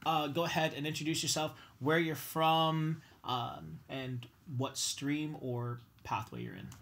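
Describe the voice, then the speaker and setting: A man hosting a casual panel chat with students, upbeat and quick to laugh. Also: a little high, animated, gravelly, fairly bright tone. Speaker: host.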